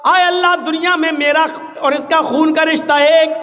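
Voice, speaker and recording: A man's voice: very high voice, little pitch movement, bright, forceful tone. A preacher voicing a desperate man who pleads frantically with God on judgment day. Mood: frantic pleading. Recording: echoey hall.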